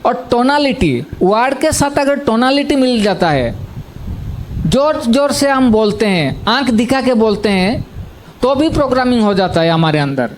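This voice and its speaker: A man's voice: very high-pitched, lively intonation, measured pace, a little hiss or hum. A man giving a self-help talk, repeating points and often checking that listeners understand. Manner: repetitive, asks "samajh mein aaya?" to check understanding. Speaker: healing teacher.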